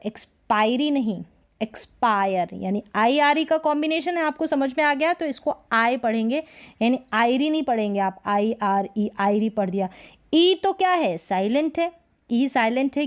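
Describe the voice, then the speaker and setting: Woman teaching, slow drilled syllables. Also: fairly high pitch. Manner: slow, drawn-out syllable-by-syllable demonstrations, frequent rhetorical questions. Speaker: English pronunciation teacher. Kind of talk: spoken lesson.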